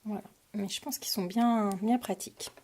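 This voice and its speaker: Casting: hesitant French woman, mid pitch, crafting haul vlog, faint noise behind. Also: fairly even intonation, normal speed. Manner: hesitant, many fillers, shows items to camera. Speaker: crafting vlogger. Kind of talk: casual product haul.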